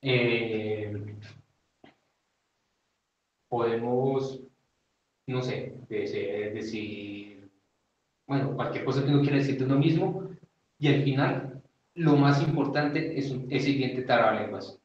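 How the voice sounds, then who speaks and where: A man's voice: mid-range voice, a little mellow. A man from Colombia, giving an informal Japanese lesson and hesitating often with fillers. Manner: hesitant, many fillers, slow and deliberate. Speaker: Japanese teacher. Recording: far from the mic in an echoey, dull-sounding room.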